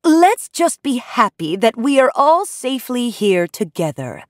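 A woman voicing a kind schoolteacher who speaks calmly and gently. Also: fairly high pitch, a little slow, no room sound, studio quality. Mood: gentle.

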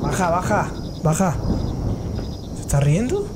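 A man's voice: sits high, big pitch swings, unhurried, background noise. A man streaming a horror game, swearing and reacting with jokey running commentary. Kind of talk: horror game let's play.

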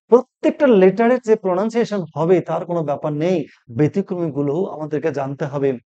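Guy teaching english, spells words out slow, kinda high voice, muffled lo-fi sound. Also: dark tone. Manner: slow and deliberate, spelling out letters and syllables. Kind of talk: spoken English lesson in Bengali.

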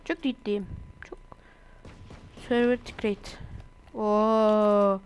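A woman from Turkey giving casual, chatty commentary over her own gameplay, excitable and quick to burst into exasperated outbursts. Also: medium pitch, slight background noise. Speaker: gaming YouTuber.

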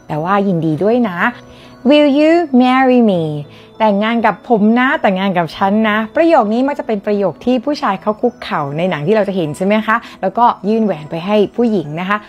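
A woman with a Thai accent teaching English vocabulary, friendly, saying each word slowly for the viewer to repeat. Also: medium pitch, expressive, breathy edge, muffled recording, faint music behind. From Thailand. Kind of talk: lesson on vocabulary.

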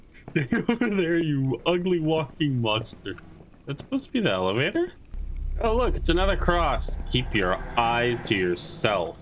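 A man's voice: wildly swooping pitch, moderate pace, a little hiss or hum. A man commenting as he plays a horror game, reading lines aloud, talking to the monsters and yelping when scared. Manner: jittery, rambling, jumps to high-pitched yelps when scared. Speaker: gaming channel host.

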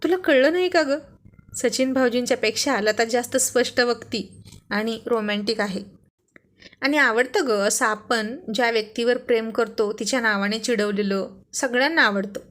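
A woman's voice: on the high side, moderate pace, fairly bright tone, lightly acted. A woman voicing a playful, teasing young husband in a read-aloud story. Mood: affectionate. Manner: teasing, affectionate.

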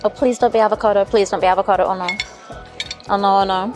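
Music plays behind this woman's medium-pitched voice, which keeps fairly even intonation at a quick pace. In her twenties, she grew up in the Caribbean before England, and here she's an interview guest talking openly and casually over afternoon tea in a spacious indoor hotel lounge restaurant. A small recorder or phone sits close to her across the table.

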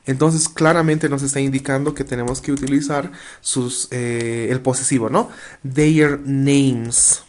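A man teaching an English class in Spanish, reading English lines slowly and checking in with "¿no?" after most phrases. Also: mid-range voice, steady tone. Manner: slow, explains in Spanish, frequent "¿no?" checks; reads English text aloud slowly. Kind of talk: online class walkthrough.

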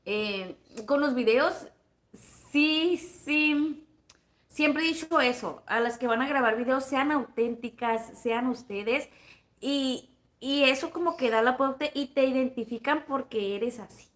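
A woman with a high, fairly bright voice speaks slowly in a Sonoran Mexican Spanish accent. She's a livestream vlogger reading viewer comments in casual chat, gossipy and friendly, calling her viewers comadres and plebes.

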